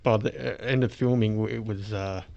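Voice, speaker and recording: A man's voice: on the low side, steady tone, normal speed, gravelly. Toothless Australian man, dull lo-fi recording. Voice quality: toothless, soft-edged speech. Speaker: podcast host. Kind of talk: casual podcast chat. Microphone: speaking through a face mask. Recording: dull lo-fi sound.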